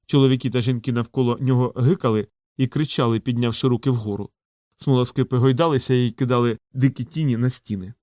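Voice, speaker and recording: A man's voice: medium pitch, dry recording. Dry-voiced male audiobook narrator. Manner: steady, measured storytelling. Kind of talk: scripted narration.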